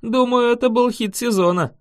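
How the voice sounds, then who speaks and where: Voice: medium pitch, moderate pace, no echo, studio quality, voice pushed up, natural voice. A reader voicing a wry young hero. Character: young man narrator-hero, curious, dry wit.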